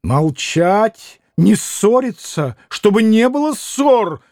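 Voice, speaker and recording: A man's voice: sits high, very animated, unhurried, mellow, no room sound, clean studio sound, pitched above the performer's own voice. A man voicing a fiery, commanding young woman who snaps and shrills. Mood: imperious.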